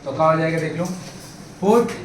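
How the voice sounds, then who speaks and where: A man's voice: a little high, moderate pace. A man tutoring math students in a classroom, coaxing them along with questions and calling them babu and bhai. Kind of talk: classroom math lesson in Hindi-English mix. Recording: echoey room, mic far off, faint background noise.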